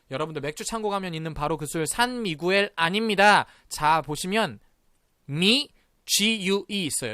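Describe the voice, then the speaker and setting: A man in his thirties teaching Spanish pronunciation in a live online lesson, leading the class in repeat-after-me drills and sounding syllables out slowly. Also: fairly high pitch, bright, forceful tone, no echo, clean studio sound. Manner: leads repeat-after-me drills with a cheerful call of "start".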